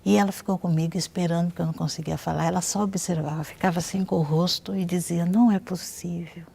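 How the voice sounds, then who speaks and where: A woman's voice: fairly low pitch, steady tone, fast talker, gravelly, darkish tone, slightly rough. A woman with a Brazilian Portuguese accent giving a personal testimony in a TV interview, telling her story and acting out the voices of others in it.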